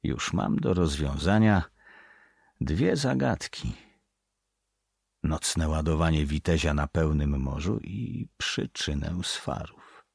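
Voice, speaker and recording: An inquisitive young seaman, played by a male reader asks question after question. The voice is low and raspy yet lively in its melody. The sound is close and dry. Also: slow pace, long pauses, no room sound, full character voice. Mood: curious. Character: curious young male sailor, quietly probing.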